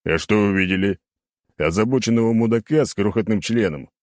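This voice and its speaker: A man voicing a cocky, low-voiced young hero. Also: brisk, darkish tone, no room sound, studio quality, natural voice. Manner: cocky, mocking.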